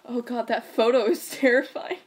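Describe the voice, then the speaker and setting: A woman's voice: on the high side, normal speed, husky. A woman hosting a casual chat, bubbly and giggly, who also reads a scary story aloud. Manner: bubbly and giggly, bursts into excited squeals. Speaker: channel host.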